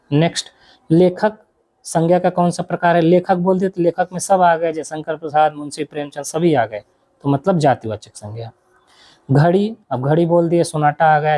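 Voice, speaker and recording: Mellow-voiced grammar teacher explaining examples. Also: medium pitch. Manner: asks questions and answers them himself, lists examples; mixes English words into explanations. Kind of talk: exam-prep grammar lesson.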